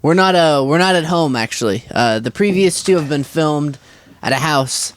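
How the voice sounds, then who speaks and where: A man's voice: a little high, expressive, clean tone, no room sound. A man co-hosting a casual podcast chat from a parking lot, rambling and restarting his sentences often. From Washington state. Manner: rambling, halting with many restarts. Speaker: podcast co-host. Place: parking lot near a van.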